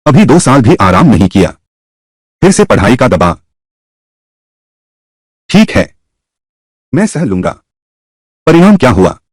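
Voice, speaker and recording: A man's voice: lowish voice, slightly rough, dry recording, exaggerated voice. A man voicing a resentful, rebellious young man in a dubbed drama, complaining and defiant.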